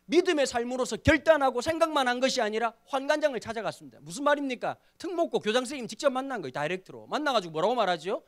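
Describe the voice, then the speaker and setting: A man preaching to a youth congregation, animated and full of rhetorical questions. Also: very high voice, very fast, hardly any pauses. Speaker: pastor. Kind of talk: youth sermon. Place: church service.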